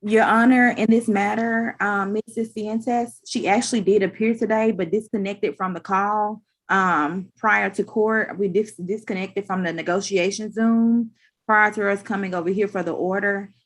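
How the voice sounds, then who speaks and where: A woman speaking as a state's attorney in a formal, halting, procedural way on a video call. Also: medium pitch, steady tone, poor audio. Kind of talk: formal courtroom questioning.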